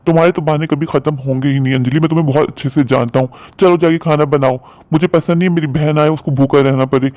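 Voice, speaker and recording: Guy doing a bossy young husband in a cartoon, fast, slightly high voice. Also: steady tone, a little mellow, no echo, close to an everyday voice. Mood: curt. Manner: curt, lecturing, ordering. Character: stern young husband, man. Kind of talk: cartoon story voice acting.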